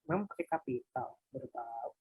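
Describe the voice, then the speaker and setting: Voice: mid-range voice, lively intonation, a little fast, a little mellow, breathy edge, dry recording. A workshop instructor casually talking through a live coding example, thinking aloud while typing and muttering asides. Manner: casual, light laughs at own mistakes.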